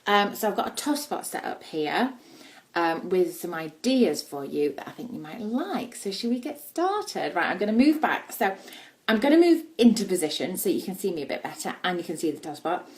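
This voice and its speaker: This Yorkshire woman's voice is fairly low and sing-song, moving at a normal pace. With her northern English accent, she's indoors at a family home, casually explaining things during a live demo of baby play.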